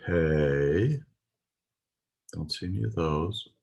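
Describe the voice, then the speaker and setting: Slow, deep-voiced man teaching letters. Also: creaky, a little mellow, husky. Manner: patient, methodical, pointing things out in a text. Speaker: Hebrew teacher. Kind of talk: slow spoken alphabet lesson.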